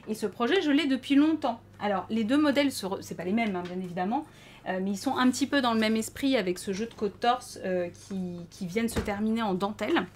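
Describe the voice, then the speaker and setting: A woman's voice: fairly high pitch, a little hiss or hum. A woman with a French accent chatting casually to camera about knitting, rambling and self-mocking with many fillers. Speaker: knitting vlogger.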